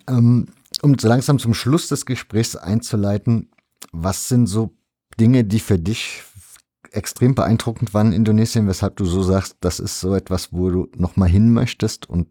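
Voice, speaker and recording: A man's voice: lowish voice, dark tone, dry recording, studio quality. A man hosting a podcast interview, asking long, rambling questions to steer the talk. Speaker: podcast host.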